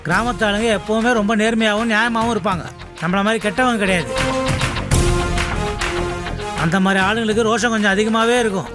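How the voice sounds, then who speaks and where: A man's voice: high voice, racing, close to an everyday voice. An actor playing a sly, scheming middle-aged man who mocks and taunts his rivals in a television serial. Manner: taunting, sneering, theatrical. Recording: television drama with background music.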